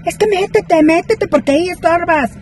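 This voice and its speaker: A woman voicing a rude, pushy woman driver who shouts bossy orders from her car window. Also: very high voice, normal speed, slight background noise, voice pushed up. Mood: shrill bossy.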